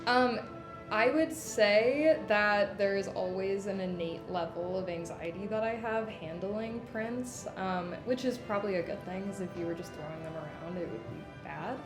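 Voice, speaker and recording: A young woman in her mid twenties answers interview questions casually, often easing in with a hesitant um. Her voice echoes off the hard walls. Music runs quietly behind her. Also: mid-range voice, normal speed. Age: 20s. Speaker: projectionist. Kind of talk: documentary interview.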